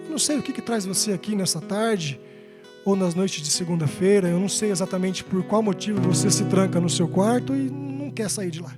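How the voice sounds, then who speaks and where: A young Brazilian man giving an emotional spiritist talk. He moves between hushed confession and rising urgency. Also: high-pitched, a little fast, over music. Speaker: spiritist speaker. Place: lecture hall. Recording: long hall reverb, breathy voice.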